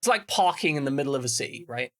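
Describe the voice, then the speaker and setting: A man's voice: mid-range voice, animated, fast, fairly bright tone. A man narrating as game master of a tabletop game, chatty and full of asides. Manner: explains at length, chatty with many asides.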